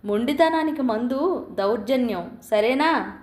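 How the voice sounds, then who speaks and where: A woman voicing a caring but firm male office boss who talks in a gently insistent way. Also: on the high side, lively intonation, unhurried. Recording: roomy echo.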